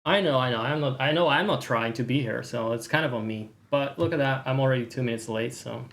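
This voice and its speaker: Livestream host, casual chat. Mid-range pitch, sarcastic, mock-boastful, foul-mouthed. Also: brisk, gravelly, fairly bright tone. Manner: profane. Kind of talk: casual chat to stream viewers.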